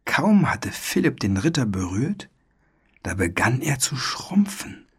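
A man narrating a children's storybook in an expressive, dramatic way. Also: mid-range voice, slow pace, breathy edge. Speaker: audiobook narrator.

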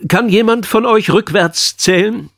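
A man's voice: high voice, unhurried, creaky, fairly bright tone, dry recording, studio quality, voice pushed up, exaggerated voice. A man voicing a stern, flustered male substitute teacher who is strict and exasperated with his class in a storybook reading. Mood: questioning.

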